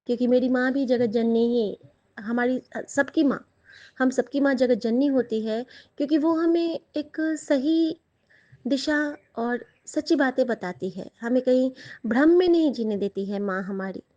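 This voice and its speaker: A woman's voice: high-pitched, unhurried. A woman giving a devotional satsang talk, speaking personally and directly to her listeners, full of stories. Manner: warm, personal, addresses listeners as sangat ji. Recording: slightly dull lo-fi sound.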